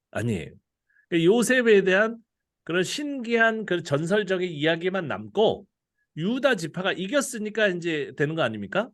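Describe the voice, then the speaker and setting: A man giving a casual, conversational Bible study lecture, laughing often and letting his voice drop at the ends of phrases. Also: on the high side.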